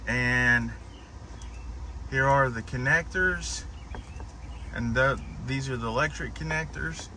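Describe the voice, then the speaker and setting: A man's voice: mid-range voice, takes it slowly, background noise. A man giving a patient step-by-step car repair walkthrough, guiding a helper as he goes.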